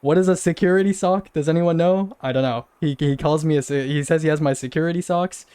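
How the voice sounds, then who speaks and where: A young man tells a rambling story in the casual, repetitive way of a streamer, stumbling over his words and laughing in disbelief. His voice sits a bit high for a man. The sound is dry and close, with no room echo. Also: quick pace, dark tone, smooth. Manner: rambling, repeats himself, incredulous laughs.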